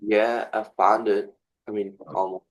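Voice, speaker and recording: A man, a student, explaining how he made his attempt, speaking up loudly. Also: fairly low pitch, flat delivery, a little slow, low-quality recording.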